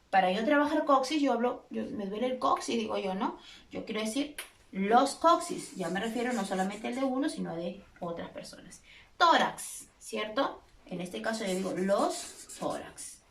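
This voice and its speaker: A woman's voice: a little high, a bit bright, far from the mic, a little hiss or hum. A woman teacher giving a recorded grammar lesson, patiently checking in with her students through frequent tag questions. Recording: echoey room, speaker away from mic.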